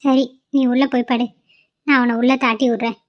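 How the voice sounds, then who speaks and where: A woman's voice: on the high side, little pitch movement, normal speed, dry recording, natural voice. A woman voicing a soothing mother-in-law. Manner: soothing, consoling. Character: caring middle-aged mother-in-law.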